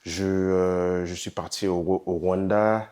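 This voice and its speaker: Deep low-voiced guy from saint-martin, lots of euhs, musician chatting in an interview, throws in english bits. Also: level tone, takes it slowly, darkish tone. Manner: hesitant, many fillers, slips into English. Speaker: musician and charity founder, interview guest. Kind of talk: casual interview answers.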